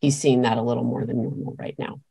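A woman's voice: rumbling low, fairly even intonation, quick pace, gravelly, dark tone, husky. A woman moderating a webinar, reading out audience questions in a brief, businesslike way.

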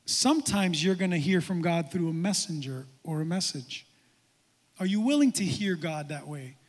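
Man, pastor, sermon, animated, high voice, long hall echo. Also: normal speed. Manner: animated, swings from quiet to loud exclamations. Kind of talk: sermon to young adults.

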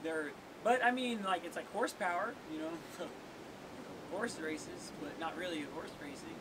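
A young man hosting an outdoor workout, joking and counting down for viewers in a seaside cave. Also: normal speed. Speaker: workout host. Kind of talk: casual workout coaching. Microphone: camera on tripod at a distance. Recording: noisy outdoor recording with wave rumble.

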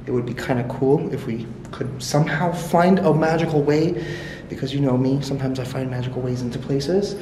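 A man's voice: medium pitch, fairly quick, warm tone. A man in his thirties hosting an informal on-location vlog, chatting to the camera and prone to laughing. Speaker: vlog host. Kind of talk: casual on-location vlog chat. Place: large empty hotel lobby, indoors. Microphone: handheld camera at arm's length. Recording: echoey, reverberant lobby with clear background noise.

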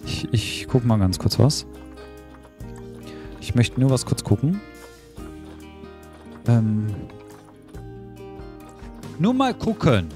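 A man's voice: medium pitch, huge pitch swings, slow pace, long pauses, dark tone, faint music behind. A man giving casual gameplay commentary, talking to himself in a puzzled, joking way. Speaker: let's play commentator.

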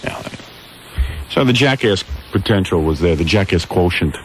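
A man's voice: low-pitched, expressive, moderate pace. A man in his thirties hosting a radio show, teasing and needling in casual banter. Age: 30s. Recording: old radio broadcast with faint hiss.

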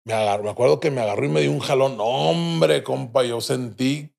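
A man's voice: medium pitch, brisk, creaky, a little mellow. A young adult man with a Mexican accent, a podcast guest telling a crude, vivid story full of slang and swearing. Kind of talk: casual storytelling.

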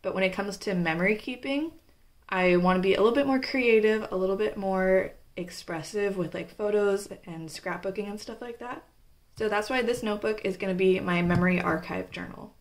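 A woman's voice: medium pitch, a little fast. Chatty young woman vlogger. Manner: chatty, with frequent "like" and "kinda". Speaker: stationery vlogger. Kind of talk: casual show-and-tell.

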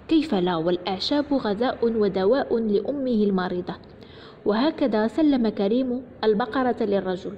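A woman storyteller telling a tale to children, addressing them directly and warmly as she narrates. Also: fairly high pitch. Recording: dull echoey recording, faint noise.

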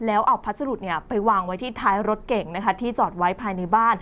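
A woman's voice: medium pitch, quick pace. A woman presenting the news in a conversational reading style, with frequent polite particles. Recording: slightly dull recording with faint music behind.

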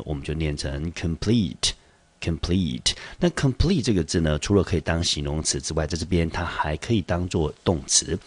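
A man with a Taiwanese Mandarin accent teaching English vocabulary, explaining patiently and slowing down to pronounce each English word. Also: rumbling low, slightly rough, dry recording. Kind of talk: vocabulary lesson.

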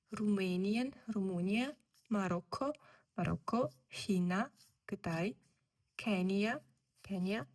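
Slow, deliberate woman teaching German. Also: medium pitch. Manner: slow, deliberate, repeats words. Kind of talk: explaining a German textbook lesson.

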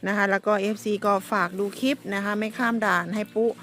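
A woman's voice: medium pitch, a little fast, noisy background. A middle-aged woman talking casually to her viewers, polite and chatty, with many fillers and restarts. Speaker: vlogger. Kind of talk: casual vlog chat to viewers.

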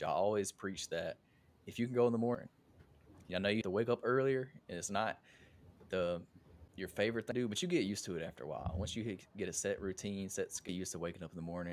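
A man's voice: low voice, quick pace. A man hosting a podcast interview, talking in an earnest, conversational way about his own habits. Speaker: podcast host.

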